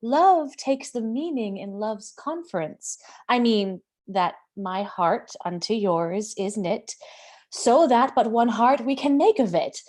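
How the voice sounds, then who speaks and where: A woman's voice: on the high side, darkish tone. A woman reading the part of an ardent young male lover in an amateur Shakespeare read-through. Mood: tender. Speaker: amateur reader in an online play reading.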